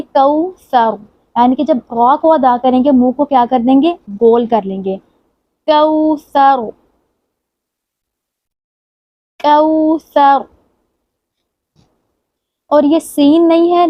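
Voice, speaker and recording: High-voiced woman teaching Quran recitation. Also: no echo, muffled recording. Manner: patient, explains each sound, then recites drawn-out Arabic words. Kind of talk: tajweed lesson with slow recited examples.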